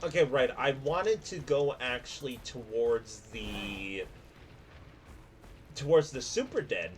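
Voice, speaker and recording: A man's voice: medium pitch, animated, slow, a little hiss or hum. A man streaming a video game, giving casual live commentary to his chat. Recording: loud game music behind voice. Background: video game music.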